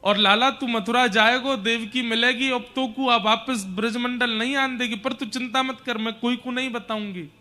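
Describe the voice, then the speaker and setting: Guy doing a heartbroken braj village mom, tearful rustic talk, voice lifted a bit high and bright. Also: fairly even intonation, moderate pace, few pauses, soft background music. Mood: tearful, pleading. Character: grieving village mother Yashoda, loving and heartbroken.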